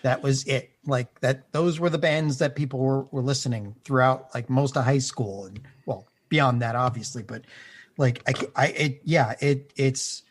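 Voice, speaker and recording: A man's voice: mid-range voice, fairly even intonation. Wry middle-aged man co-hosting a podcast. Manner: wry, dry humor, halting restarts. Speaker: podcast co-host. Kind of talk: casual chat. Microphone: recording over a video call.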